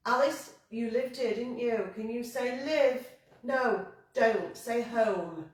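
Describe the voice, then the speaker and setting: A woman on a ghost hunt coaxes spirits to speak in a soft, patient way. Her voice sits a little high, and it rings around a very echoey cellar while she stands off from the mic. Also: slow pace. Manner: gentle coaxing, calls spirits sweetheart. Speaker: paranormal investigator. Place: pub cellar. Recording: very echoey room from far off.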